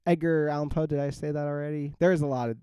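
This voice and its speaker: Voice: mid-range voice, steady tone, fast talker, dark tone, clean tone, no echo, studio quality. A podcast host chatting casually, rambling through fillers and breaking into laughter.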